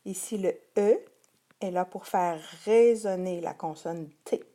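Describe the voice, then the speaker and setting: A middle-aged woman with a Québécois French accent, teaching children a vocabulary list slowly and patiently, repeating each word carefully. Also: lowish voice, warm tone.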